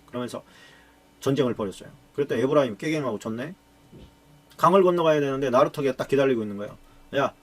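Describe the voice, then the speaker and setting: A male pastor giving a Bible study lecture, telling stories with lively acted-out quotes. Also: medium pitch, slightly rough. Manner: animated storytelling, acting out quoted lines.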